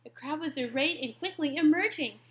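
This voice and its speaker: A woman reading a rhyming children's story aloud, expressive and dropping to whispers at tense moments. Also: high-pitched, brisk, a little hiss or hum. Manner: expressive, drops to whispers for suspense.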